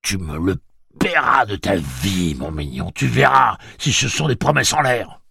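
A man's voice: very animated, unhurried, vocal fry, bright, forceful tone, slightly rough, no echo, clean studio sound, exaggerated voice. A man voicing a paranoid, snarling male thug who shrieks and rants. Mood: furious. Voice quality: shrill and ranting.

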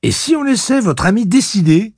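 A man doing a cheeky young gunslinger, mock-polite and sharp. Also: mid-range voice, very animated, slow pace, husky, no echo, studio quality, pitched above the performer's own voice, exaggerated voice. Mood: jaunty. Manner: mock-courtly, then barking orders.

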